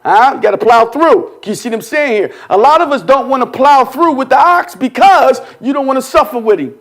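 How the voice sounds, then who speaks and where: A man with a very high, animated voice leads a church Bible study. He preaches in a loose, conversational way, tossing questions at the room and jumping from murmured asides to shouted points. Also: fairly quick. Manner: call-and-response preaching, repeats "huh?" to the congregation; colloquial, swings between quiet asides and shouted emphasis. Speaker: pastor.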